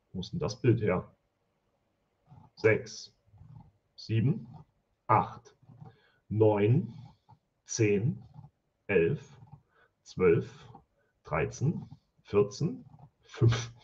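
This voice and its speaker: A man's voice: on the low side, breathy edge. Blunt German man reviewing listings live. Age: adult with school-age children. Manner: blunt, thinks aloud, mutters while counting. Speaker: host reviewing product listings. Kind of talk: live product review chat. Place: home office. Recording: slightly dull, lo-fi stream audio.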